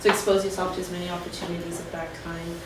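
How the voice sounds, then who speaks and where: Her voice sits on the low side, flat in delivery and quick in pace, as this alumna gives chatty, filler-heavy career advice on a panel. She was captured in a lecture room through a distant mic, with echo and background noise.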